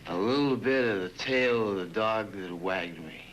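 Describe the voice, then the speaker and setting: A man's voice: lowish voice, moderate pace, a bit bright, lightly acted. An actor playing a hungover man in a 1960s film comedy, groaning and mumbling to himself. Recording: hissy old film soundtrack.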